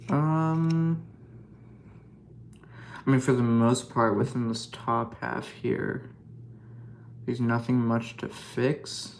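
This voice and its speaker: A man with a gravelly, middle-pitched voice talks casually as he works on a scale model, wandering from point to point and joking at his own expense. His speech is loose and full of fillers, and faint room noise sits under it. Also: level tone, very slow, long pauses. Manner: rambling, self-joking, lots of fillers. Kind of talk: casual hobby vlog commentary.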